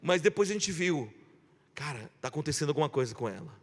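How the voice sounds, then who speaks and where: A Brazilian pastor delivers an emphatic sermon in a slightly raised voice. He builds on repeated phrases, then drops low to tell a story. A long reverb from the big church hall trails every line. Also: quick pace. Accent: Brazilian Portuguese. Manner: lively storytelling, shifting from loud to hushed.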